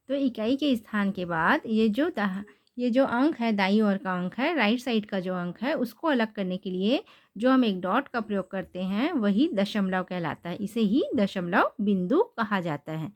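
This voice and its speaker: A woman maths teacher explaining decimals in a classroom lesson, asking questions and answering them herself. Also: fairly high pitch. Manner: asks questions and answers them herself, repeats key terms; reads English definitions slowly and carefully.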